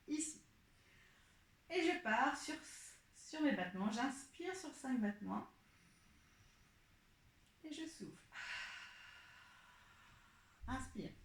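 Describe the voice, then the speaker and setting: Slow-cueing pilates instructor woman, echoey room. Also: a little high, a little hiss or hum. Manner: calm step-by-step cueing of breath and movement. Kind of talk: guiding an exercise class.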